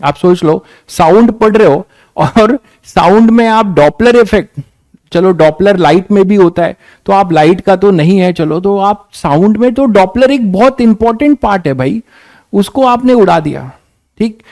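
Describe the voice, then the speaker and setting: A man's voice: high-pitched, lively intonation, measured pace, a little mellow, no room sound. A young man teaching physics to exam students, ranting in a frustrated, rhetorical way and questioning his listeners directly. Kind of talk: lecture with a rant.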